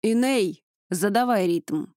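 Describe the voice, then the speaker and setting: A woman's voice: mid-range voice, animated, slow pace, darkish tone, no echo, clean studio sound. A woman reading an audiobook, voicing a strict young male drill instructor who barks commands. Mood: commanding. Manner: barking commands.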